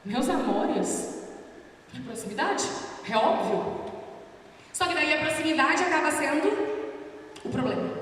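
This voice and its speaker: A woman giving a lively, informal workshop talk as a Spanish teacher, chatting with the audience. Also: a little high, slight background noise. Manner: animated, informal, addresses audience as "meus amores". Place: large hall, recorded from a distance. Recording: echoey hall, distant mic.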